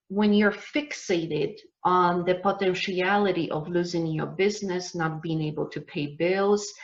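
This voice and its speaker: A woman business coach giving a live online masterclass, emphatic and motivational, slowing down to stress key words. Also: fairly low pitch, lo-fi sound.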